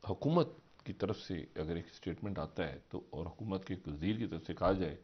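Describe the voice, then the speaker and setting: A man giving political analysis on a live TV talk show. He rambles, poses rhetorical questions, and swings from low murmurs up to raised, emphatic peaks. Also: moderate pace, husky, highs cut off. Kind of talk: live TV current-affairs commentary.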